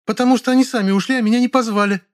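A man's voice: sits high, flat delivery, rapid-fire, no room sound, clean studio sound, voice pushed up, lightly acted. A man voicing a capricious, sulky young woman who whines and pouts, then purrs coyly. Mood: indignant. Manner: whiny and pouting, turns to a purring wheedle.

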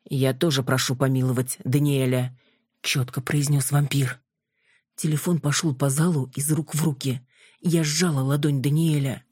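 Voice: mid-range voice, a little mellow, husky, dry recording, clean studio sound. An audiobook narrator reading a first-person story with emotion.

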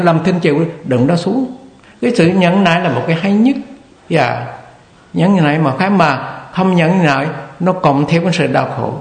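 Older man teaching meditation, echoey hall. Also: on the high side. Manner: repetitive, conversational teaching with quoted examples. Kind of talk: dharma talk.

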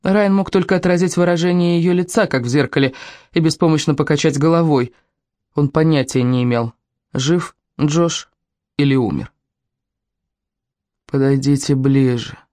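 Audiobook narrator, measured storytelling, mid pitch, dry studio sound. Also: darkish tone, no echo.

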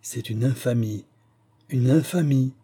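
A man's voice: medium pitch, normal speed, dark tone, slightly rough, natural voice. A man voicing a desperate, accused male bank clerk who protests indignantly.

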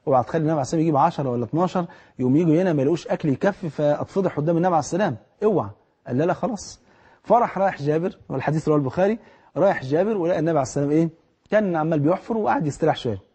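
A man's voice: on the high side, breathy edge. A middle-aged man with an Egyptian accent preaching a storytelling sermon, acting out the people in his story. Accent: Egyptian Arabic. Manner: animated, acts out the people in the story.

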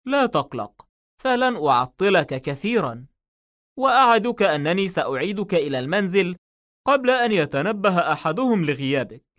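A man reading an audiobook novel, voicing a calm, confident male police detective in a raised voice. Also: normal speed. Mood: calm, firm. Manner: calm and assured, slightly raised pitch.

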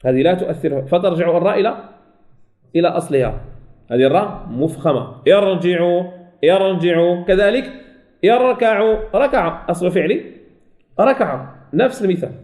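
A man teaching a Quran recitation lesson, who asks and answers his own questions and slowly repeats example words. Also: high voice, lively intonation, a little mellow. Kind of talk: recorded tajweed lesson.

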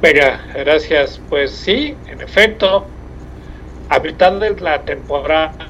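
Un hombre con acento mexicano comenta deportes desde su coche por un teléfono móvil de línea crujiente y entrecortada, hablando pausado y con muchas muletillas. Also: male voice, a little high, bright, forceful tone. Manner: measured, hesitant with many fillers. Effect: choppy, crackly mobile phone line. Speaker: sports commentator. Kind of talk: sports discussion chat. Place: in a moving car. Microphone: mobile phone. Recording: lo-fi breaking phone line, faint noise.

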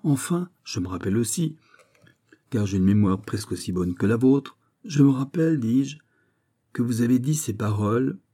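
A man voicing a proud young male king who is quick to anger, speaking in a clipped, imperious way that rises in anger. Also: medium pitch, expressive, mellow, lightly acted. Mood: probing.

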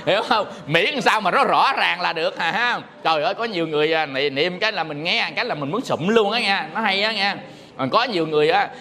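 A Buddhist monk teaches in a casual, humorous way. His voice sits high and sounds bright, and he often breaks into short chanted examples. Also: slight background noise. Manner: lively, joking, chants phrases to demonstrate. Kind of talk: informal dharma talk.

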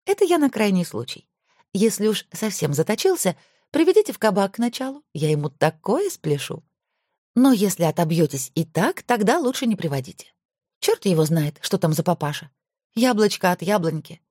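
A woman voicing a sly young woman dancer in an audiobook, coaxing and breathy. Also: mid-range voice, big pitch swings, moderate pace, warm tone, dry recording, studio quality, pitched above the performer's own voice.

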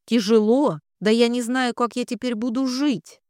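A woman's voice: a little high, fairly even intonation, moderate pace, darkish tone, no room sound, clean studio sound, voice pushed up, natural voice. A woman voicing a frightened young mother who pleads and demands answers, her voice rising with fear. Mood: desperate.

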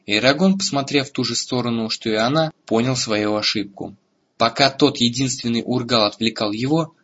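Husky-voiced male audiobook narrator. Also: mid-range voice, fairly bright tone. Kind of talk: scripted narration. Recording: lo-fi audiobook recording.

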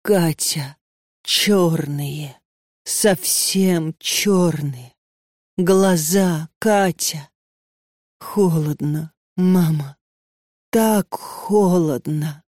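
A woman's voice: low voice, a little mellow, dry recording, studio quality, heavily acted. A woman doing a faint delirious sick girl.

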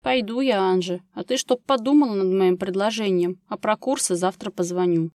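A gruff, practical grown man from an audiobook, voiced by the woman reading it, talking in short, bossy, businesslike bursts. His tone is blunt and no-nonsense. It sounds close and dry, with no room sound. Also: medium pitch, moderate pace, a little mellow, dry recording, natural voice.

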